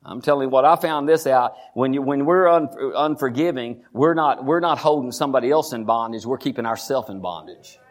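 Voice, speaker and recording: A man preaching a sermon. He repeats phrases for emphasis, calls the congregation honey and rises in pitch as he drives each point home. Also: a little fast, hardly any pauses.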